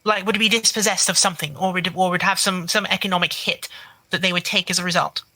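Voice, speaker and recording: Fast, bright-voiced woman debater. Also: lowish voice, fairly even intonation, no echo, low-quality recording. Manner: pressing, rapid-fire questioning. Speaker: debate host. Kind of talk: heated live debate.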